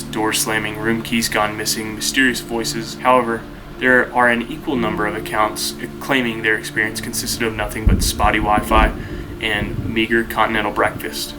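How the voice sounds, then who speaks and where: A man's voice: fairly low pitch, level tone, moderate pace, low-quality recording. Man narrating a casual vlog, music behind. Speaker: vlogger narrating a motel stay. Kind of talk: casual first-person travel vlog narration.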